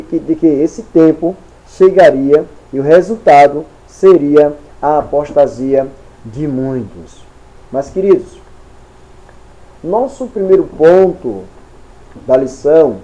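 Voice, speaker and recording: A man with a Brazilian Portuguese accent teaching a Sunday school Bible lesson in slow, deliberate short phrases. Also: a little high, warm tone, poor audio.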